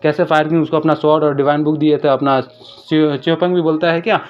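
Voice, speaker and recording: A man retelling a comic story in a casual recap, talking rapidly and briefly raising his voice for quoted lines. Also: fairly high pitch, level tone, clean tone. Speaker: manhwa recap narrator. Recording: dull lo-fi voice-over with faint music.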